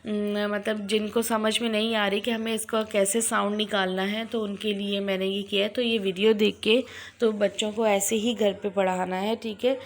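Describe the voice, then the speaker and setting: A pre-nursery teacher, slowly drilling phonics letter by letter in a recorded homework lesson for parents and children. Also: female voice, medium pitch, level tone. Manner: slow, drawn-out phonics drilling, sounding out each letter.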